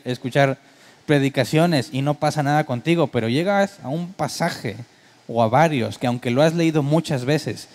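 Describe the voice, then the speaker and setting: A pastor whose voice is slightly high and slightly mellow preaches a sermon in a conversational manner. He keeps asking his congregation rhetorical questions and mimics worship keyboard sounds for a comic touch.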